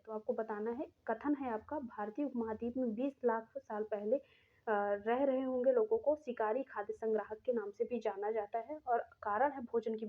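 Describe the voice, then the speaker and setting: Brief: female teacher, exam-prep lesson, fairly high voice, step-by-step explanations, tinny phone-quality recording. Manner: explains step by step, addresses students directly.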